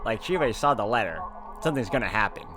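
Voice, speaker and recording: This let's player reads a visual novel's narration aloud very fast, adding off-the-cuff reactions in a lowish voice with lively intonation. Game music plays in the background.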